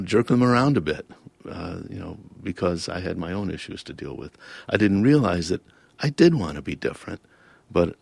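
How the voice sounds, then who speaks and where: Speaking in a very deep, gravelly voice, a Lebanon-born author who grew up in Toledo, Ohio reads his own essay and then discusses it in an interview. He comes across as thoughtful, wry and self-questioning, recorded close and dry.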